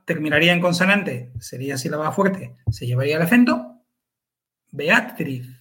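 A man's voice: fairly high pitch, expressive, moderate pace, fairly bright tone. A man, co-hosting a podcast chat and explaining pronunciation carefully, syllable by syllable. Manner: careful and methodical, spells out syllables.

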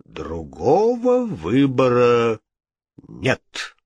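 A grave voice from beyond the grave, put on by a man reading an audiobook, drawing out each word very slowly. The tone is husky and dry, close to the mic, with a low, flat weight. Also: no room sound, highs cut off, full character voice. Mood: solemn. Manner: slow, grave, pronouncing. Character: solemn ghostly male voice from the dark.

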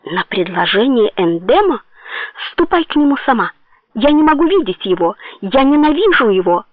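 A woman's voice: a little high, very animated, normal speed, dry recording. Woman reading an anguished young heroine, storybook, defiant, thin phone-like audio. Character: desperate young woman defying a captor. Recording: tinny phone-like dry sound.

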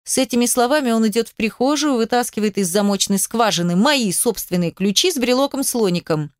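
A woman's voice: on the high side, a little fast, no echo, studio quality. A woman reading a first-person story aloud in a wry, sarcastic way. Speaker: narrator. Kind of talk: first-person audiobook narration.

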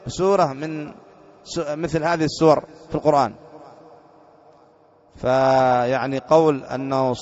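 A religious teacher from Yemen delivers a lecture, his voice sitting a bit high for a man. He keeps turning to his listeners with rhetorical questions and then answers them himself. The recording is dull and lo-fi. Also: a little mellow. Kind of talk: explaining a creed text in a lecture.

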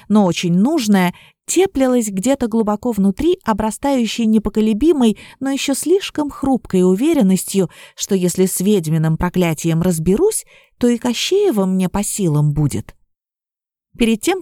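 A woman narrating a fairy tale in the first person, with a mellow, dark-toned voice and even delivery. The read is close and dry, with no room around it. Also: mid-range voice, no echo. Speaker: audiobook reader.

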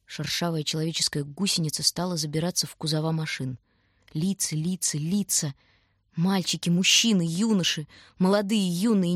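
A woman narrating an audiobook in an even, measured storytelling voice. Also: lowish voice, no echo, clean studio sound. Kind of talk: scripted narration.

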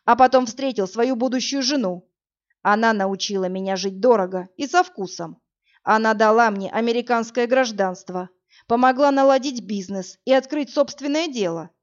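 A woman voicing a cold, pragmatic wealthy married businessman in an audiobook, speaking in a dry, calm, lecturing way. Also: fairly high pitch, normal speed, natural voice. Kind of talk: audiobook character reading. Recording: dull lo-fi audio with faint music.

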